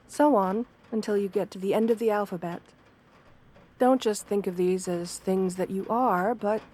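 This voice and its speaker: In an ASMR roleplay, a woman plays a kind, professional wolf girl therapist, speaking softly at a medium pitch. Her reassurance is gentle and measured, with an encouraging, patient mood.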